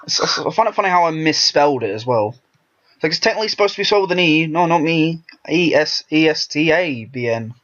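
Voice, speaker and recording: A man's voice: a little high, lively intonation, fast talker, fairly bright tone. A man hosting a let's play, chatting casually and rambling while he plays. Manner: rambling, self-interrupting chatter. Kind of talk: casual gameplay commentary. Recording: dull lo-fi recording.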